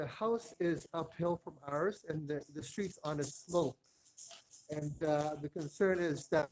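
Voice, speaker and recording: A man giving a halting, hesitant public comment at a hearing, heard faintly over a phone on speakerphone. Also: fairly high pitch, slight background noise. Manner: hesitant, halting with many fillers and restarts. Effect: heard over a phone line, faint and distant. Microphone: phone on speakerphone, away from the mouth.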